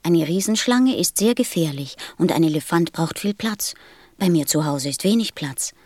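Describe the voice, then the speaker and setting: An earnest little boy prince from another planet in a radio play. The voice is childlike and insistent, with a soft, husky breathiness. It is recorded close and dry. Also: fairly low pitch, expressive, moderate pace, no echo. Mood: insistent, dissatisfied. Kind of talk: audio drama acting.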